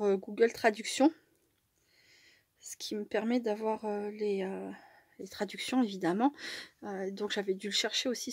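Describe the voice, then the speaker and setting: A woman's voice: medium pitch, no room sound. A woman chatting casually as a crafting vlogger while unboxing, with many fillers and small laughs.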